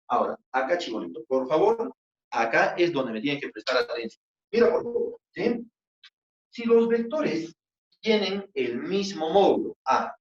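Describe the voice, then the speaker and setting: A man with a Peruvian accent teaching a physics class, coaxing his students along with repeated questions. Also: on the high side. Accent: Peruvian Spanish. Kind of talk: online class lecture. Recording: roomy, distant, dull lo-fi sound.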